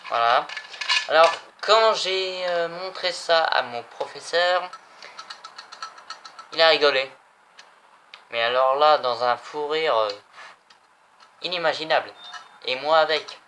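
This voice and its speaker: A man's voice: fairly high pitch, slow, long pauses, pushed and bright, slight background noise. A young man chatting casually in a vlog, rambling and repeating himself. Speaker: vlogger. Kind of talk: casual chat showing souvenirs.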